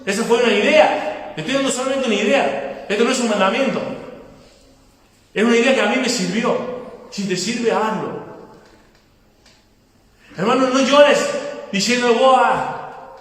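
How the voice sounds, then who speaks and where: A man's voice: extremely high pitch, moderate pace, pauses often. A man preaching a sermon as a pastor, asking the congregation questions and acting out what people say. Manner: preaching with rhetorical questions and acted-out quotes. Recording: echoey hall, mic far off.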